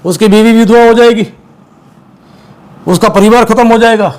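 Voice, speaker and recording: A man from Gujarat, an activist guest, speaking forcefully and accusingly in a heated interview, repeating his points. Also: sits high, fairly even intonation, normal speed.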